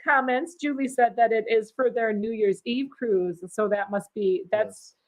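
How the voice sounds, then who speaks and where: A woman's voice: fairly high pitch, fairly even intonation, a little slow, rough recording. A woman hosting a casual cruise chat, reading out viewer comments in a bubbly, chatty way and laughing easily. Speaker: cruise vlogger host.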